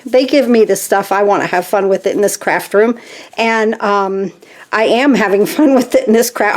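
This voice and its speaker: A woman hosting a casual craft tutorial from her home craft room, chatting to viewers and getting excited as she works. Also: medium pitch. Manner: chatty and easily excited, talks to viewers while working. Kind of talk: casual step-by-step craft demonstration.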